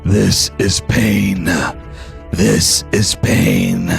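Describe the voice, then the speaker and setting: A man voicing an ominous, tormenting unseen presence in a tabletop game, in a deep voice with slow, drawn-out words. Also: flat delivery, vocal fry, faint music behind, heavily acted. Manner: slow, drawn-out, deliberate delivery.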